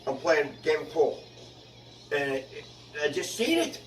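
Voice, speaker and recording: A man's voice: on the high side, sing-song, a little slow, reverberant, distant mic, faint music behind, low-quality recording. A man rambling through his spooky experiences in a casual interview, swearing freely.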